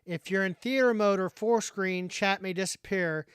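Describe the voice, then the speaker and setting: A man's voice: high voice, normal speed, a bit bright, smooth, dry recording, studio quality. A man hosting a casual livestream chat, thinking aloud in a hesitant way. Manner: hesitant, thinking aloud while figuring things out. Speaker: livestream host.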